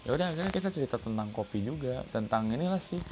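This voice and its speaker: A man's voice: medium pitch, animated, fast, a little mellow. A man from Riau chatting casually about his travels for his podcast, rambling with many fillers and restarts. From Riau, Indonesia. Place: second-floor balcony outdoors.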